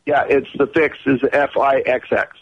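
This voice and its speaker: A man calling in to a radio show over a buzzy, glitchy phone line that cuts out, talking in a rambling, halting way. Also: mid-range voice, little pitch movement, breathy edge. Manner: rambling, halting, many fillers. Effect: buzzy, glitchy phone-call audio that cuts out. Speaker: caller. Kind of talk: call-in radio chat.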